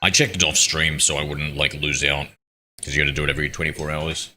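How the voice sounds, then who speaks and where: A man's voice: extremely low pitch, little pitch movement, fast talker, bright, forceful tone. A man, a game streamer chatting casually and bantering with his chat as he reads it aloud. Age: 30s.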